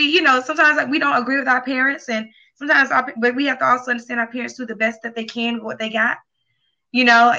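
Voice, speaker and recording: Talk-show co-host, woman, bright raised voice, rambling and earnest, near tears, dull lo-fi recording. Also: fairly high pitch. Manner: rambling, heavy on filler phrases, earnest and emotional. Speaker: co-host and sex coach. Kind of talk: casual talk show chat. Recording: dull lo-fi sound.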